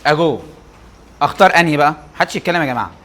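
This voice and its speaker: A young teacher with an Egyptian Arabic accent leads an English grammar class, keeping up a stream of quick questions that he answers himself. His fairly high voice has lively intonation and a slightly bright tone.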